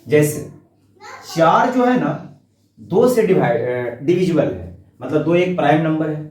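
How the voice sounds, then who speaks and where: A man's voice: on the high side, animated, a little slow, a little mellow. A man teaching a maths lesson in Hindi, explaining step by step, asking questions, answering for his students and calling them "my friend". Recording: echoey room, mic far off.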